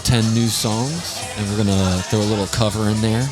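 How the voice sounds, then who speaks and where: A man's voice: lowish voice, normal speed. A man from New Orleans, a band member, chatting casually and cussing easily in an interview at a bar. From New Orleans, USA. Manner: relaxed, cussing, laughs easily. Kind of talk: casual chat. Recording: live music and bar noise.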